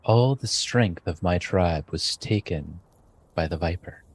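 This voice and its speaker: A man's voice: low-pitched, a little hiss or hum. A man doing a grave blind shaman. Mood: solemn. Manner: slow, grave, measured delivery.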